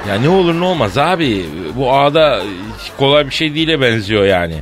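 A man's voice: mid-range voice, expressive, brisk. A man hosting a comedy show, bossy and teasing, bickering through a sketch with his partner. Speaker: comedy radio host. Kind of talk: scripted comedy sketch and banter.

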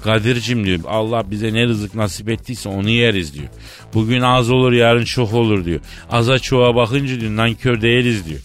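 A man's voice: fairly low pitch, moderate pace, faint music behind. A man hosting a comedy radio show, teasing his co-host and staging a fake phone call. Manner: jokey, teasing, mimics the other end of a phone call.

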